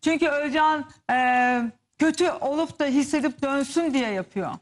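A woman's voice: high-pitched, moderate pace. A woman TV commentator giving heated, emphatic gossip commentary and turning to the audience as she speaks. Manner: indignant, emphatic, addresses the audience directly.

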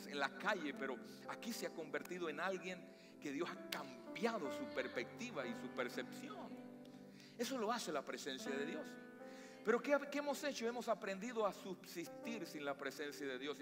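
A man with a Latin American Spanish accent preaching a sermon as pastor, with emphatic rises and slow, stressed phrases. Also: a little high. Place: church sanctuary. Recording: long church reverb with faint music.

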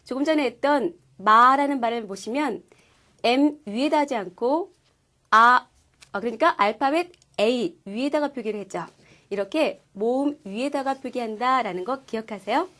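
Brief: woman lesson host, high voice, patient, clear explainer. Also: animated, moderate pace, a bit bright. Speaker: Korean-speaking Chinese language teacher. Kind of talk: scripted lesson presentation.

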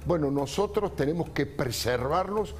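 A man's voice: on the high side, animated, moderate pace, a little mellow, slight background noise. A man explaining things on a studio panel in an ironic tone. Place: TV news studio.

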